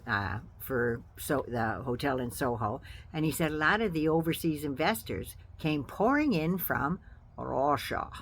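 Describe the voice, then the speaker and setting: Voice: mid-range voice, a bit bright, a little hiss or hum. An American host giving casual political commentary in a folksy, sardonic, salty-tongued manner.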